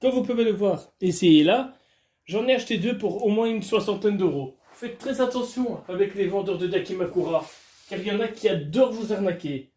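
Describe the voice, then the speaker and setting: High-voiced man joking crudely in an echoey room. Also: brisk, darkish tone. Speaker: vlogger. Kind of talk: casual unboxing chat. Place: alone in a room at home. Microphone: camera filming him.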